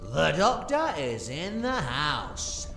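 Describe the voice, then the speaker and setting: A man's voice: on the high side, wildly swooping pitch, takes it slowly, vocal fry, a bit bright, heavily acted. A man playing an eccentric, scatterbrained alien time traveller in an audio drama, rambling and hesitating theatrically. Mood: flustered, chirpy. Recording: roomy sound with music behind.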